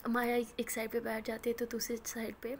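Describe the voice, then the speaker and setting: A young woman casually retelling a story in a chatty, lively way. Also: a little high, normal speed, a little hiss or hum.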